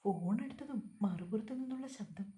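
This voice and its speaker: A woman narrating a romance novel in a steady, gentle storytelling manner. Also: medium pitch, a little fast. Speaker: audiobook narrator.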